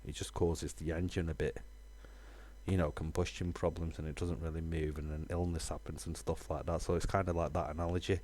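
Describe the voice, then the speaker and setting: A man streaming a game, talking casually in a rambling, halting way with lots of fillers. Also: rumbling low, level tone, darkish tone. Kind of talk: casual live-stream chat.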